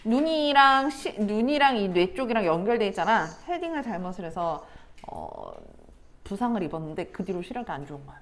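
A woman teaching a middle school English lesson to students at home, chatty and teasing, often laughing and acting out little family scenes. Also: mid-range voice. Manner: laughs often while talking. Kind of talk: recorded online lesson.

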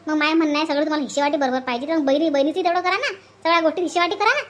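A woman voicing a blunt married village sister in a cartoon, speaking with a Varhadi Marathi accent in a high, scolding manner. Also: very fast, close to an everyday voice. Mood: indignant. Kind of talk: cartoon voice acting.

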